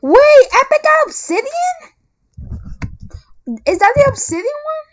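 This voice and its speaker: A gamer giving casual let's-play commentary, excitedly calling out to teammates. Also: very high voice, measured pace, dull audio. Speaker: gamer playing with friends.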